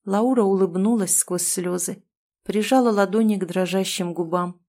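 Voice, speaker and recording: A woman's voice: medium pitch, moderate pace, a little mellow. Somber woman reading a gothic tale. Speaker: audiobook reader. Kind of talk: first-person gothic story narration.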